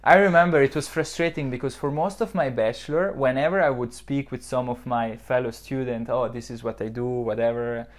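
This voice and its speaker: A man's voice: mid-range voice, fairly quick, hardly any pauses. A young man in his twenties from southern Switzerland, a startup founder answering reflectively in a podcast interview with lots of fillers, recorded on a lapel mic in an office lounge. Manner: reflective, many fillers and restarts. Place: modern office lounge, indoors.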